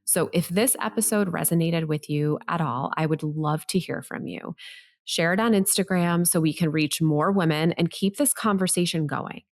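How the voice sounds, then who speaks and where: A woman's voice: low-pitched, normal speed. A middle-aged woman hosting a health podcast with upbeat, tidy advice-vlogger delivery, encouraging and organized as she speaks straight to the listener.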